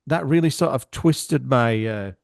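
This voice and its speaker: Animated man telling stories on a podcast. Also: medium pitch, a little slow, creaky, no echo, clean studio sound. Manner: animated, acts out other people's voices. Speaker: podcast guest. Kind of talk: casual storytelling chat.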